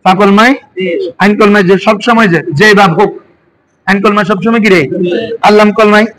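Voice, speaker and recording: This classroom lesson comes from a man whose Bangladeshi Bengali accent colors a high, somewhat bright voice, captured in poor audio. Throughout his explanations he fires question after question at the students.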